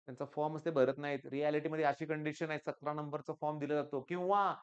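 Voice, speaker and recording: A middle-aged man from Maharashtra with a Marathi accent, a tutor giving a motivational coaching talk to exam students, emphatic and repetitive, swinging between loud stresses and quiet asides. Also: fairly high pitch, level tone, fast talker, clean tone, highs cut off. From Maharashtra, India. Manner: emphatic, often repeats "lakshat ghya".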